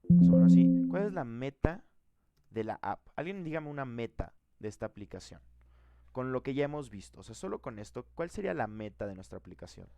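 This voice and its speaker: A man's voice: medium pitch, big pitch swings, a little fast, vocal fry, dark tone, soft background music. A man teaching a live programming class, thinking aloud and asking the students questions.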